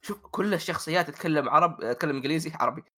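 A man with a slightly high, bright voice talks very quickly in mixed with English. He sounds like an enthusiastic gaming fan co-hosting a casual chat, repeating words to stress his points. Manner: mixes Arabic with English words and phrases. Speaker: gaming show co-host. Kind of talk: casual chat about video games.

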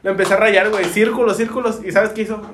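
High-voiced Mexican man telling stories. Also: fast, echoey room, noisy background. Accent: Mexican Spanish. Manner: animated storyteller acting out quotes, laughing often. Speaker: podcast co-host. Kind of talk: casual chat.

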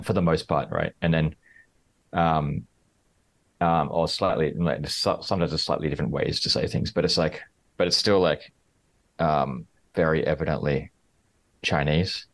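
A man as a podcast guest, talking casually and hesitantly, full of "like" and restarts. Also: extremely low pitch. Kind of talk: casual interview chat.

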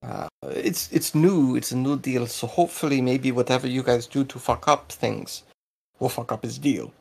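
A man's voice: mid-range voice, moderate pace, creaky, husky. A man voicing a shady male smuggler with a put-on Russian-German accent and a fussy, affected way of talking. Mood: conspiratorial. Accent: mock Russian-German. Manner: fussy, affected foreign lilt.

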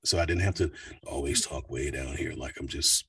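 A man in his forties from the United States, a voice actor and coach with a deep baritone, talking animatedly in an interview. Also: creaky, breathy edge, no echo, distant mic. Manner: animated, slips into quick voice demos. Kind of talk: casual interview talk.

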